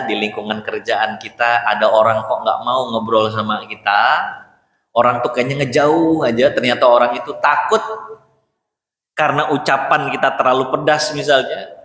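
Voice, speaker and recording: A man's voice: mid-range voice, fairly bright tone. A man giving a religious study lecture as a preacher, explaining in a casual conversational way and reciting Arabic quotes. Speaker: Islamic preacher. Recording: echoey hall with long reverb.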